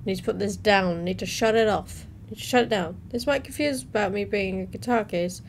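This young adult woman keeps things casual and informal as she hosts a reaction video, reading out captions and interjecting her own comments between them. Her voice is medium-pitched and fairly quick. She records indoors in a small room at home, with noticeable faint noise behind her.

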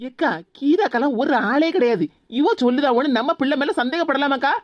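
Woman doing a sarcastic cartoon younger sister-type with a Tirunelveli accent, high and quick, dry close sound. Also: dry recording, muffled recording, close to an everyday voice. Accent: Tirunelveli Tamil. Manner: sarcastic, retorting. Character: blunt younger woman, sharp-tongued and loyal.

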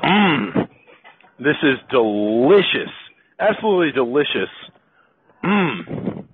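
A man's voice: medium pitch, very animated, takes it slowly. A young man hosting a casual interview in a restaurant bar, playful and upbeat with lots of jokes. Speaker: show host. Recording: tinny phone-like sound, faint hiss.

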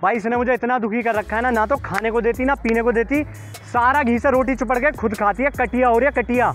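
A young man hosting a street prank, talking in loud, teasing and playful banter outdoors. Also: very high-pitched, fairly even intonation, a little fast, faint music behind. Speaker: prankster host. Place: outdoors in a park.

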